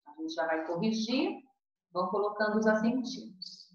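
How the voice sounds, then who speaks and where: A woman's voice: mid-range voice, lively intonation, normal speed. A Brazilian Portuguese-speaking woman teacher giving a recorded lesson to children, patient and encouraging, stretching syllables to show stress. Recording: distant, muffled and very echoey.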